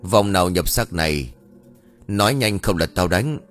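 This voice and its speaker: Harsh commanding old shaman woman, voiced by a male narrator, low, barely shifted from his own voice. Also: expressive, moderate pace, soft background music.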